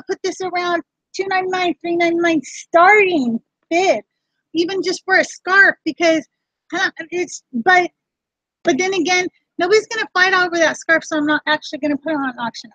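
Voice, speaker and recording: Here a reseller vlog host talks straight to her audience in a relaxed livestream tutorial, explaining as she goes. Her voice is extremely high and sharp-toned, captured in a dull, dry, lo-fi recording.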